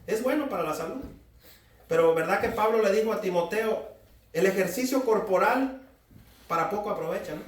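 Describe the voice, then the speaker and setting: High-voiced man preaching in an echoey hall. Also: animated, moderate pace, long pauses, recorded from a distance. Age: 40s. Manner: exhorting, addresses the congregation directly. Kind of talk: sermon.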